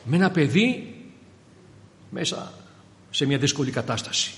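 Male preacher, sermon, fervent, shifting from hushed to loud, somewhat high voice, long hall reverb. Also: big pitch swings. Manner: fervent, swinging from quiet to loud; keeps addressing the congregation as brothers.

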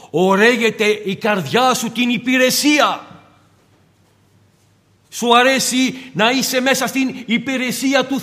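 A man's voice: very high-pitched, a bit bright. A man preaching a fervent sermon to his congregation and acting out the dialogue he quotes. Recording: long hall reverb.

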